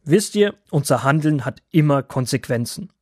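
A man's voice: a little high, expressive, normal speed, darkish tone, dry recording, clean studio sound. A man voicing an old grandfather woodworm who patiently explains things to his grandchildren in a children's audio drama. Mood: gentle.

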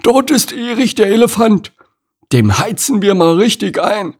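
Shorshi, a squeaky boastful jackal. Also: male voice, animated, measured pace, slightly rough, exaggerated voice. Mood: cocky. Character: boastful young male jackal, nervous bluffer. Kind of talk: audiobook character voice.

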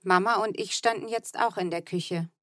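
A woman's voice: medium pitch, normal speed, fairly bright tone, dry recording, clean studio sound. A woman narrating a children's book in the first person, telling the story evenly and tenderly. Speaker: audiobook narrator.

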